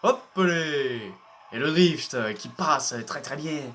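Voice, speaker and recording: A man's voice: on the high side, expressive, slow, fairly bright tone, soft background music. A man giving casual, hesitant commentary while playing a racing game, often restarting his sentences and chuckling. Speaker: gaming video host.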